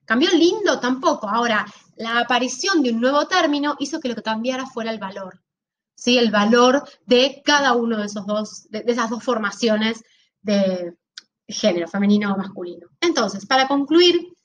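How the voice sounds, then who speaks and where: A woman's voice: a little high, expressive, normal speed, muffled recording, a little hiss or hum. A woman giving a recorded lecture, explaining step by step and often checking in with her listeners. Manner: explanatory, checks in with frequent rhetorical questions. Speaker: teacher.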